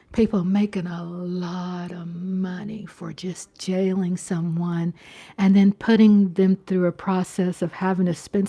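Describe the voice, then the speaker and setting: This livestream host, a woman in her fifties, chats casually with her audience, frequently repeating herself and tossing in "you know" to check in. Her voice is lowish and warm.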